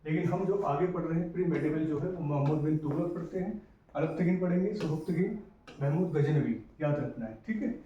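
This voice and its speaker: A male history teacher giving a casual exam-prep lecture in mix, often checking in with his students by asking whether things are clear. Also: fairly high pitch, a little fast, lo-fi sound. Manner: repetitive, checks in with "clear guys?". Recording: echoey room, distant mic, faint hiss.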